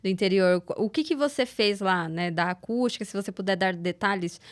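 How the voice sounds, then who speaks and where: A woman's voice: medium pitch, normal speed. A woman hosting a podcast in a studio, asking curious and encouraging questions. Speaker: podcast host. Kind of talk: casual podcast interview.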